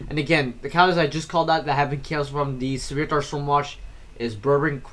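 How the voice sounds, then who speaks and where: A man's voice: a little high, steady tone, quick pace, a bit bright. Rambling man streaming storm coverage. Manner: casual, rambling, frequent fillers and self-corrections. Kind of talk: live weather stream commentary.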